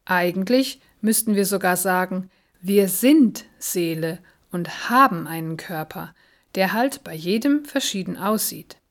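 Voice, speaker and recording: A woman voicing a gentle, wise animal friend in a storybook reading, explaining calmly and patiently. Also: on the low side, measured pace. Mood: patient, warm.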